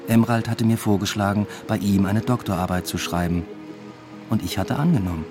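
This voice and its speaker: In a radio drama, an actor with a fairly low, everyday-sounding voice plays a weary, introspective male academic. He delivers first-person narration and dialogue in a reflective, understated way.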